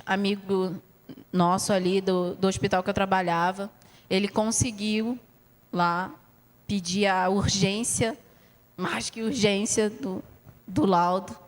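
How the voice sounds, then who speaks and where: A woman's voice: medium pitch, steady tone, slow pace, pauses often, in a large hall. A woman pastor giving a heartfelt sermon, telling her own story with frequent asides to the congregation. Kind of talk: sermon with personal testimony. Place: church hall.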